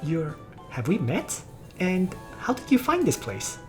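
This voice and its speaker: A woman voicing an excitable young female mage who scolds, whines and gets flustered, reading game dialogue aloud. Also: fairly low pitch, a little slow, soft background music, pitched above the performer's own voice. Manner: whiny, scolding, easily flustered.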